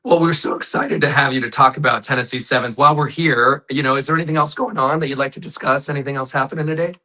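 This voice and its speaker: A man with a hoarse, raspy voice hosting a live online news show, casual and friendly with his guests. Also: mid-range voice, steady tone, fast, sharp tone.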